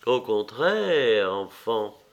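A man's voice: lowish voice, big pitch swings, drawn-out words, voice pushed down, heavily acted. A man reading the part of a proud, bitter imperial Roman mother in an audiobook, in a stern, commanding manner.

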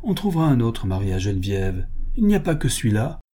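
A man's voice: medium pitch, sing-song, fast talker, dark tone, breathy edge. A man voicing a scheming older baroness who arranges marriages, speaking in a pointed, incisive tone. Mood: haughty pointed. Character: scheming older female matchmaker baroness, haughty.

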